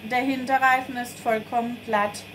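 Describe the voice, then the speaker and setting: A woman's voice: a little high, steady tone, moderate pace, fairly bright tone, a little hiss or hum, low-quality recording. A woman narrating a children's story in a careful read-aloud manner.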